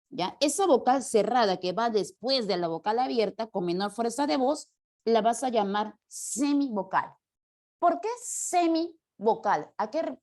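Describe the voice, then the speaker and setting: A woman's voice: on the high side, a little mellow. A woman teaching a grammar class, explaining step by step and asking the students questions. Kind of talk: classroom lecture.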